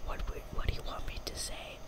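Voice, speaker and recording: A young adult man whispering casual, apologetic ASMR close to the mic in a room at home. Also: quick pace. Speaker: ASMR video maker. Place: small room at home, indoors. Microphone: close mic, tapped by hand.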